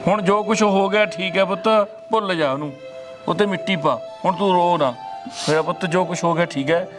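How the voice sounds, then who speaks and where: An actor with a Punjabi accent playing an older village father who scolds his daughter and then gently comforts her. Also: high-pitched, brisk, over music, close to an everyday voice. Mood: consoling. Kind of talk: rural short film acting.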